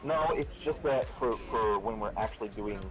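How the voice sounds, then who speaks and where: A tinny, muffled male voice squeezed through a cheap Bluetooth speaker on a phone call. He talks a touch low and rambles with halting restarts. Music plays faintly behind him. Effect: tinny, muffled sound through a cheap Bluetooth speaker. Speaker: stream guest. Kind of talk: casual chat. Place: room at home, moving around. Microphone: cell phone over Discord via Bluetooth speaker.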